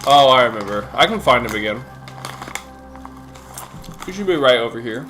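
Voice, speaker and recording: A man's voice: medium pitch, lively intonation, moderate pace. A young man streaming a game, talking casually with lots of fillers and swearing. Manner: rambling, profane, many fillers. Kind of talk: casual live-stream commentary. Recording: stream audio with game music. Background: game music.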